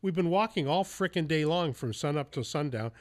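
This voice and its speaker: A man's voice: fairly high pitch, lively intonation, brisk. A man hosting a podcast, telling hunting stories in a loose, casual way with the odd curse and laugh. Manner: storytelling, loose and profane, with laughs. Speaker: podcast host. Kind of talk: casual interview chat.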